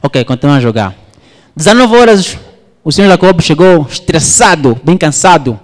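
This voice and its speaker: A man from Angola preaching a sermon, telling a story with his voice swinging up and down. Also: moderate pace. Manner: animated storytelling, voice swings high and low. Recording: long hall reverb.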